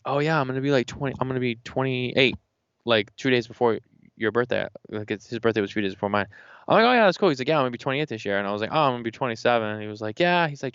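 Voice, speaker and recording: A man's voice: mid-range voice, fairly bright tone, smooth, no room sound, muffled recording. A man in his twenties hosting a casual podcast, rambling through his opinions in an indoor lounge. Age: 20s. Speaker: podcast host.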